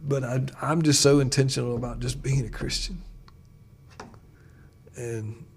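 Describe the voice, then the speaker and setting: A man who is a pastor, telling stories in a casual chat and getting animated when he retells dialogue. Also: medium pitch, measured pace, crowd noise. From United States. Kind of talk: casual conversation, storytelling.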